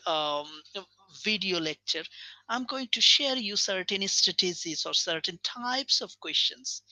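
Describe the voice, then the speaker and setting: Male lecturer from Bangladesh, earnest explainer, lively melodic delivery. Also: high-pitched, no echo, low-quality recording. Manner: earnest, explanatory, checks in with listeners. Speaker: English teaching lecturer. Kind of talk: video lecture.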